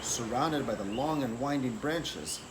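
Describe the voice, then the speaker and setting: Reading a children's picture book to listeners, this medium-pitched male story reader takes a deliberate, expressive approach while noticeable background noise fills the recording.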